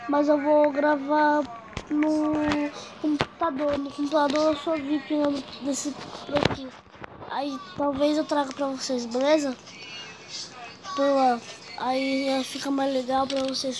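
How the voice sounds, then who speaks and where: A woman's voice: high voice, level tone, unhurried, noisy background. A female host with a Brazilian Portuguese accent, giving dramatic, chatty gameplay commentary and talking straight to her viewers. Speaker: gaming channel host.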